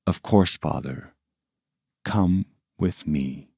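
A man's voice: sits low, very slow, gravelly, darkish tone, husky, no room sound, voice pushed down, full character voice. A man voicing a grieving prince whose son has died, speaking in a subdued, grave way. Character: grieving middle-aged prince, a father.

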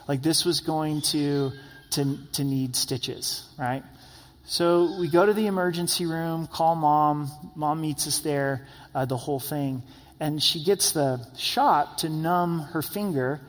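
A man's voice: fairly high pitch, big-room sound. A male pastor giving a sermon in a conversational, storytelling way, often asking "right?" and repeating phrases for emphasis.

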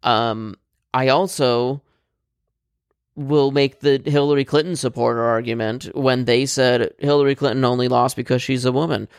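A man's voice: mid-range voice, fairly even intonation, normal speed, clean tone, no room sound, clean studio sound. A man co-hosting a casual political chat, blunt and opinionated, swearing freely and rambling with fillers and restarts.

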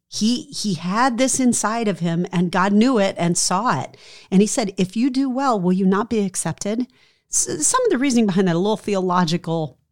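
A woman's voice: mid-range voice, no echo, clean studio sound. A middle-aged woman co-hosting a faith podcast, talking earnestly and reading scripture aloud with emphasis. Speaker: podcast co-host.

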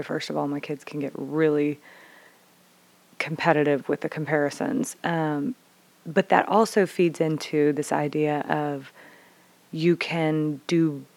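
A woman talking as a parent in a casual, reflective way, earnest and thoughtful, often pausing on "like" and "um". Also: low-pitched, vocal fry, a little mellow. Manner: earnest, thoughtful, speaks with 'like' and 'um'. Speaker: parent sharing experience.

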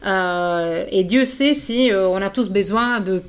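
A woman with a medium-pitched voice acts as interviewer. She talks in a chatty, friendly way and fills her pauses often. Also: clear, resonant tone. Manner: friendly, chatty, with many fillers. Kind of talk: casual interview.

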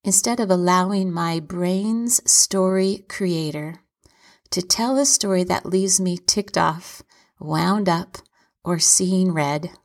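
Slow, soft-spoken woman with gravelly fry. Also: on the low side. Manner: slow, calm, often trailing into soft whispers. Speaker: self-help speaker. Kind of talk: reflective motivational talk.

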